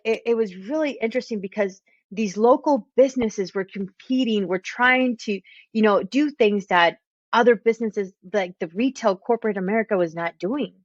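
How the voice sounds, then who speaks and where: On her podcast, this realtor in her thirties, with roots in Texas and Puerto Rico, chats through a casual storytelling monologue about her life and laughs at herself. Her medium-pitched voice comes through dull audio without any room sound.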